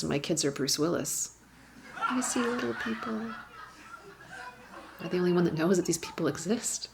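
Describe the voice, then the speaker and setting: A woman's voice: on the low side, breathy edge. A woman, reading her own personal essay aloud on stage, wry and candid, with swearing and emphatic repetitions. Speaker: writer reading her work at an awards gala. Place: stage at a gala event.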